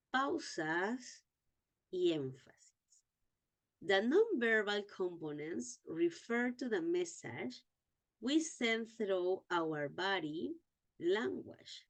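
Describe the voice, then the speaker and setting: A woman teaching an exam-prep lesson, reading English terms slowly and repeating key points. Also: mid-range voice.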